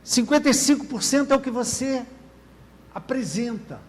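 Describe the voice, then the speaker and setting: High-voiced pastor in a reverberant church. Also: male voice, expressive, moderate pace, a little hiss or hum. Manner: asks the congregation "Amém, querido?" often. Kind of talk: sermon.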